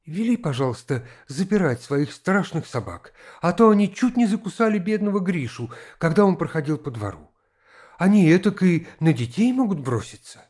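A gentle noblewoman mother, as a male reader gives her voice pleads softly with her husband. The voice is slightly husky and moves lively through its pitch. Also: normal speed. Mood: concerned.

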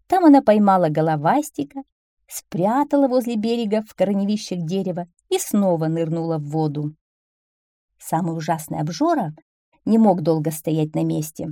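A woman reading a children's tale aloud with expressive, animated storytelling. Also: fairly low pitch, no room sound, studio quality.

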